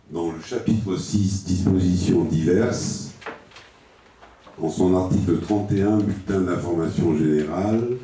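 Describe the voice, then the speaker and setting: A man reading out formal amendments at a municipal council meeting, in a measured and formal way, his voice carried by a heavy cathedral-like echo from far off in a large hall. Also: low-pitched, warm tone. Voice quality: measured, formal, reads out legal wording. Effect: heavy cathedral-like echo, voice heard from far off in a large hall. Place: large echoing council chamber. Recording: very echoey distant hall recording with faint noise.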